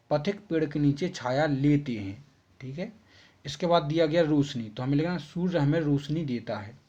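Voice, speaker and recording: A man's voice: on the high side, darkish tone. A man teaching schoolchildren, patiently working through textbook answers and checking in with them often. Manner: patient, repeats phrases and checks with "ठीक है". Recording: muffled, slightly husky lo-fi recording.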